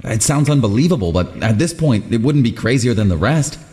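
A man's voice: medium pitch, expressive, brisk, dark tone, in a large hall, natural voice. An actor playing a curious male explorer of ancient ruins in a video game, musing aloud as he puzzles over clues. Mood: puzzled. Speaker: game protagonist.

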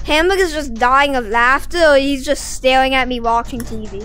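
A woman hosting a gameplay video, talking in a rambling, loud way and often breaking into shouts. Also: high-pitched, normal speed. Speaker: gaming video host. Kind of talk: chatty gameplay commentary.

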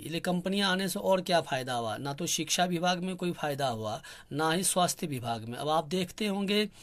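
A young man from Kinnaur, speaking earnestly in a soft, quiet voice and pausing often with fillers as he makes a public appeal. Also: high-pitched. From Kinnaur, Himachal Pradesh, India. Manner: earnest, complaining, many pauses and fillers. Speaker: local activist speaking on a channel.

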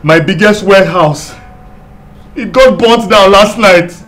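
A man's voice: high-pitched, unhurried, soft background music. A Nigerian actor playing a husband and businessman in a Nollywood film, talking animatedly. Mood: distraught. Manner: animated, stammers when shaken.

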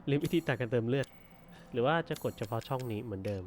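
A man's voice: mid-range voice, fast talker, noisy background. A man playing through a horror game demo, muttering to himself and breaking into startled outbursts. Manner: excitable, jumpy outbursts and muttering. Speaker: gameplay streamer. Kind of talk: casual let's-play commentary.

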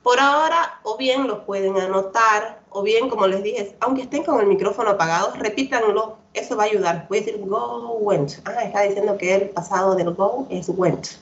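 A woman's voice: medium pitch, moderate pace, hardly any pauses. A woman teaching English online, patiently explaining and drilling verb forms, often checking understanding with the class. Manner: patient, repetitive drilling, frequent "¿verdad?" checks. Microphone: computer mic on a video call. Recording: dull lo-fi video call audio.

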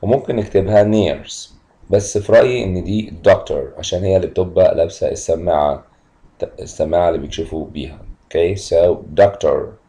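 A man teaching an English lesson, mixing Egyptian Arabic explanations with English words he says slowly twice. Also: sits low, dark tone, rough recording. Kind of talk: vocabulary lesson, slow repeated words.

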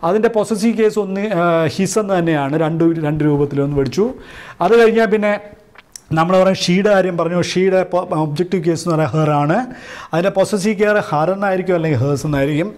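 A man with a Malayali accent teaching a grammar class. His voice sits a little high for a man. He goes over each point slowly and repeats it, checking with his listeners as he goes. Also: a little mellow. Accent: Malayali English. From Kerala, India. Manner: slow, repetitive, recaps and asks "right?". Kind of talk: classroom-style grammar lesson.

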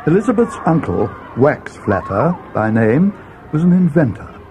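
An actor playing Watson, a schoolboy's companion recounting a mystery as scripted storybook narration. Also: male voice, fairly high pitch, very animated, measured pace, lo-fi sound, a little hiss or hum. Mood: measured, grave.

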